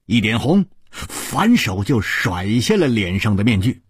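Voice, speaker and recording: Husky, animated male storyteller. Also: on the low side, measured pace, no room sound, clean studio sound. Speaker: audiobook narrator. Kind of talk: wuxia novel storytelling.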